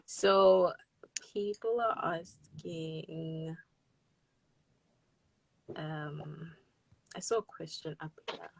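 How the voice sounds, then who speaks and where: A woman's voice: low-pitched, very slow, gravelly, long pauses, no echo, low-quality recording. A woman hosting a live Q&A, reading out audience questions with hesitant fillers. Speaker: host.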